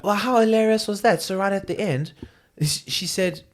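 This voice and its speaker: A man's voice: high-pitched, moderate pace. A man co-hosting a comedy podcast, telling stories in a rambling way with frequent laughs and swearing. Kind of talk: casual banter.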